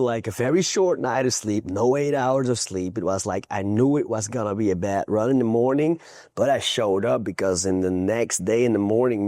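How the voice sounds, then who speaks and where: A man's voice: lowish voice, a little mellow, dry recording, studio quality. A man from Belgium, a guest coach giving earnest, plain-spoken interview answers with frequent restarts.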